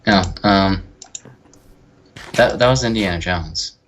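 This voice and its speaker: A man's voice: deep voice, takes it slowly, slight background noise. A man co-hosting a game, chatting in an easygoing, hesitant way. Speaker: game co-host. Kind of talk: casual gameplay chat.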